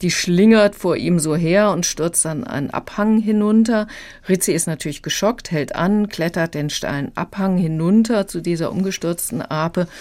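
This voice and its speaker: A woman with a notably low voice explains a crime novel as a critic on the radio. She summarizes fluently and steadily. Her tone is informative and conversational. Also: normal speed, a little mellow. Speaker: literary critic. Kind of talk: radio book review interview.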